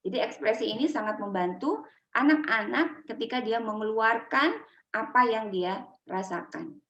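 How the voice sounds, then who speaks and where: Lively woman trainer in an echoey room. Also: sits high, muffled recording. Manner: lively, demonstrates intonation by example. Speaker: public speaking trainer for children. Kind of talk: online workshop talk to parents.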